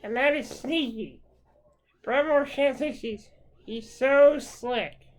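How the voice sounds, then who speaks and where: Angry woman fan, profane rant to camera, slow-paced, a bit high-pitched. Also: poor audio. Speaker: hockey fan.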